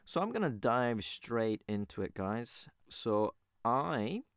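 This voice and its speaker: A man's voice: mid-range voice, very animated, takes it slowly, clean tone, no room sound, clean studio sound. A man born in Japan and raised abroad, hosting a solo podcast in an earnest, loose way with frequent fillers. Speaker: podcast host.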